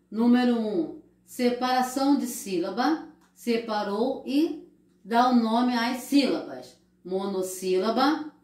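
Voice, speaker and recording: A middle-aged Brazilian woman teaches young children in a recorded lesson, stretching her words slowly and patiently. Her voice sits a little high. The room gives it a noticeable echo. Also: darkish tone. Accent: Brazilian Portuguese. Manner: slow, patient, drawn-out explaining to children. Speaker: primary school teacher. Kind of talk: recorded remote class lesson. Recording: echoey room.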